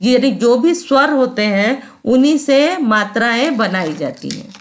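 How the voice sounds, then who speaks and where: A woman's voice: on the high side, lively intonation, unhurried. A woman teacher giving a grammar lesson, patient, repeating sounds and often checking that students understand.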